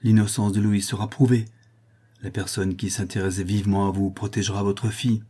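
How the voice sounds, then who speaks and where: Man voicing a calm, reassuring protector. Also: on the low side, fairly quick, husky.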